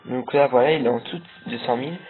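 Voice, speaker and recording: A young man talks through his gameplay in a loose, rambling way, full of fillers and restarts. His voice sits at an ordinary pitch for a man. The sound is thin and tinny, with loud game music playing underneath. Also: quick pace. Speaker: gameplay video creator. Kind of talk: casual gameplay commentary.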